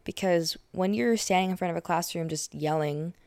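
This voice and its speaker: A woman's voice: fairly low pitch, normal speed, a little mellow, no room sound. A young woman hosting a podcast, talking casually in a chatty way, full of fillers and restarts. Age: young adult. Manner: chatty, filler-heavy, self-correcting. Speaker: podcast host. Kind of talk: casual monologue.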